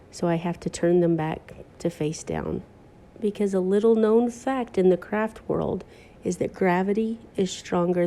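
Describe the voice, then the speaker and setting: A woman's voice: on the low side, dark tone. A woman hosting a chatty craft tutorial, stuffy from allergies, joking about her own mistakes. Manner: chatty, self-deprecating, enthusiastic about textures. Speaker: craft video host.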